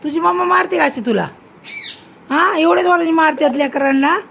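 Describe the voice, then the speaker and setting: A woman's voice: very high voice, brisk, gravelly, fairly bright tone, a little hiss or hum. A woman filming a home vlog, chatting casually and scolding with teasing questions. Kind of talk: casual home video chat.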